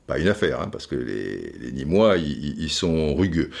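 A man's voice: very deep voice, very animated, moderate pace, gravelly, a little mellow. A middle-aged man telling football history in a casual way, stumbling into frequent repeated words and fillers as he addresses the listener directly. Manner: many stammered repeats and fillers. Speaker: football storyteller. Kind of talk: casual spoken storytelling.

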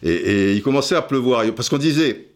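Speaking at a fairly quick clip with an animated, medium-pitched voice, this man hosts a podcast and wanders through a casual story, restarting and digressing often.

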